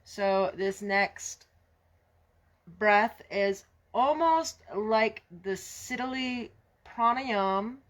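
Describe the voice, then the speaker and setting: Calm lady yoga teacher talking real slow, soft and soothing through breathing cues. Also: medium pitch. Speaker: yoga instructor. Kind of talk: guided breathing instruction.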